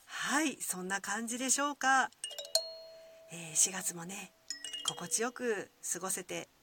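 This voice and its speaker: A woman with a Kyoto accent hosting a solo podcast, musing gently with many soft fillers. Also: mid-range voice, measured pace, noisy background. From Kyoto, Japan. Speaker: podcast host.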